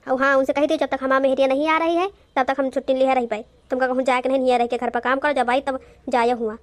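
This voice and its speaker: A woman voicing a sharp-tongued, bossy old mother in a cartoon, scolding in an Awadhi accent. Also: sits high, flat delivery, quick pace, natural voice. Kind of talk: cartoon voice acting.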